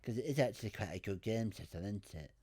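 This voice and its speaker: A man's voice: on the low side, animated, fast talker, mellow, slightly rough. A man giving casual, joking commentary as he plays a game. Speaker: gamer commentating on a playthrough. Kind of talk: casual joking banter over gameplay.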